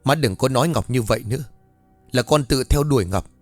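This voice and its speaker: A male storyteller voicing a hot-tempered young man, forceful and pleading with his family and lover. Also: medium pitch, a little fast, no echo, soft background music, close to an everyday voice. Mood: defiant.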